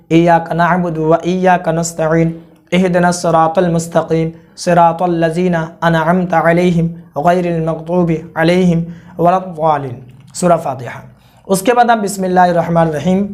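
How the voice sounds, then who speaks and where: A man teaching step by step how to perform a prayer, speaking patiently and repetitively, often checking in with his listeners and reciting the Arabic prayers slowly and deliberately. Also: high voice. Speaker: Islamic religious teacher. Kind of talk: step-by-step religious instruction.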